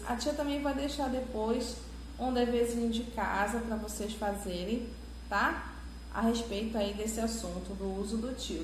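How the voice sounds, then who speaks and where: Brazilian woman teacher, slightly high voice, gentle, boomy echoey room. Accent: Brazilian Portuguese. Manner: gentle, reassuring, frequent "ok?" checks. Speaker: primary school teacher. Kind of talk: online class instructions to children. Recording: very echoey room, faint noise.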